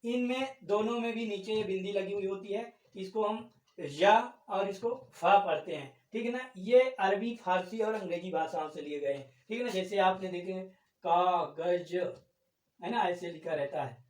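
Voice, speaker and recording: The speaker is a man whose voice sits high and a little mellow, teaching Hindi grammar at a moderate pace. Working step by step, he repeats key terms and keeps answering the questions he puts to the class. This classroom-style lesson is recorded off-mic in an echoey room.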